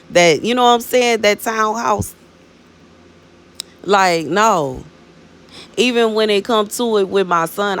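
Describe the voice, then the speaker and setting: A woman in her thirties, her voice on the low side yet fairly bright, gives viewers a casual, rambling spiritual message as a minister sharing prophecy. She often fills space with "you know what I'm saying" and calls her audience "baby."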